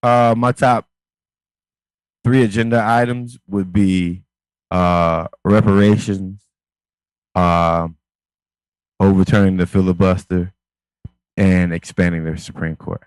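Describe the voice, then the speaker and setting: A man's voice: deep voice, fairly even intonation, takes it slowly, long pauses, darkish tone, smooth, no room sound, rough recording. A man co-hosting a casual political chat show, ranting emphatically with lots of repetition. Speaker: co-host.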